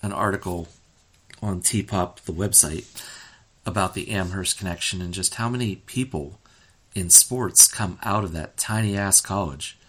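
A man's voice: sits low, measured pace, a bit bright, slightly rough. A man hosting a casual sports podcast, opinionated and rambling, with many fillers and restarts. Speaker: podcast host.

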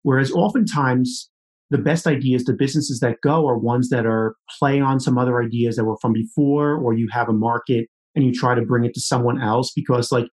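Casting: man, late 30s, podcast host, mid-pitched, calm and reflective interviewer. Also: fairly quick, rough recording. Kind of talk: interview conversation.

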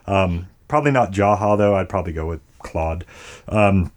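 A man's voice: low voice, moderate pace, a little mellow. A man hosting a casual video game chat, swearing freely, with slightly impeded speech after dental work. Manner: casual, profane. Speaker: podcast host.

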